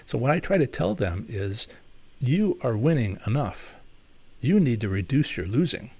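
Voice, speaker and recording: Answering viewer questions on a live stream, this male host speaks at medium pitch with wide swings in intonation and a moderate pace. His tone is mellow and slightly rough, and his loose, filler-heavy talk full of restarts serves to explain and advise.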